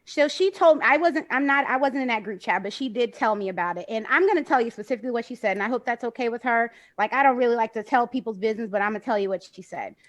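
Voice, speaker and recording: Calm woman with a slightly high voice. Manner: calm, measured, explaining. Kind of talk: casual group call.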